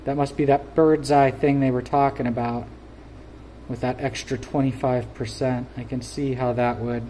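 Mellow-voiced man chatting through an unboxing. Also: medium pitch, flat delivery, moderate pace, a little hiss or hum. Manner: chatty and enthusiastic, with frequent fillers and laughs. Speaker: gear reviewer. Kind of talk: casual unboxing commentary.

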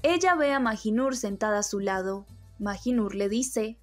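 A woman reading a scripted recap in an even, storytelling way. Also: mid-range voice, normal speed, soft background music. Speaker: episode recap narrator. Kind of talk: scripted narration.

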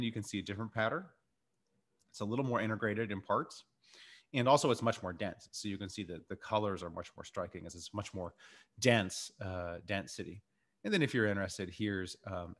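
Low-voiced man giving an informal lecture. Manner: conversational, explanatory. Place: indoors in a warehouse.

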